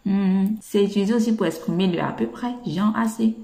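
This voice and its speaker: A woman teaching English in a casual, chatty, teasing way, slowing down to drill pronunciation. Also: medium pitch, gravelly, dark tone. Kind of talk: casual spoken lesson. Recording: echoey room.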